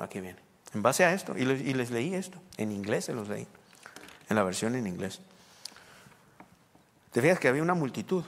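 A man preaching a conversational sermon. He talks emphatically and moves between hushed asides and loud outbursts. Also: mid-range voice. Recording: long hall reverb.

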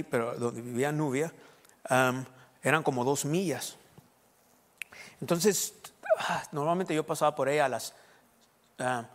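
A man with a Sonoran Mexican accent, a pastor preaching a sermon with lively asides and jokes to his congregation. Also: mid-range voice, long reverb tail. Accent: Sonoran Mexican Spanish. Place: church.

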